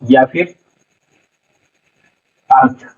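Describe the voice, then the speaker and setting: A man teaching a classroom phonics lesson, sounding out syllables slowly and asking students to repeat. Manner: slow, spells out syllables, repeats questions to students. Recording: dull lo-fi sound from a distant mic.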